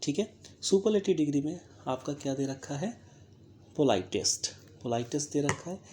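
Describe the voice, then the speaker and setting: A teacher with an Indian English accent explaining English grammar step by step, talking slowly and deliberately, spelling words out letter by letter and often checking understanding. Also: mid-range voice, lively intonation, warm tone, slight background noise. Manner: slow, deliberate, checks understanding with frequent "theek hai". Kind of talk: recorded classroom-style grammar lesson.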